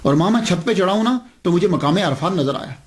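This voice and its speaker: Male preacher, high voice, emphatic sermon storytelling, rhetorical questions. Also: expressive, brisk.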